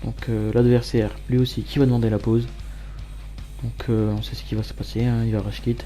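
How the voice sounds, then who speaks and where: A man giving matter-of-fact play-by-play commentary as a gamer over his own match highlights. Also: flat delivery, fairly quick, dark tone, faint music behind. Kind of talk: gameplay commentary.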